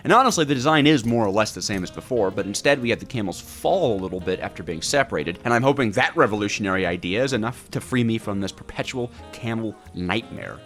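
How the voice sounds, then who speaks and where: Over background music, a man narrates his own video game playthrough from a script, reacting dramatically in a theatrical, wryly exasperated style. His voice is on the low side and fairly bright, with lively intonation, a quick pace and hardly any pauses.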